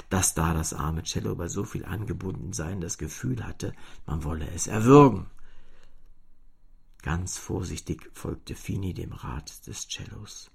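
A man reading a children's story aloud, slow, lively and expressive, sometimes dropping to a whisper. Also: deep voice, gravelly, husky.

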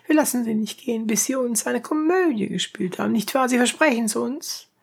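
A woman voicing an excited crowd of young townswomen, shrill and clamoring as they beg, with a husky voice. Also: moderate pace, full character voice.

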